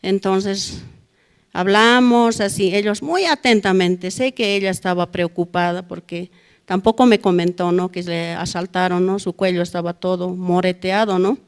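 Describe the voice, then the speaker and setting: A church member, a middle-aged woman, shares her testimony during a prayer service in a church hall. Her fairly low, smooth voice stays steady at normal speed, and almost every phrase closes with a questioning "no?".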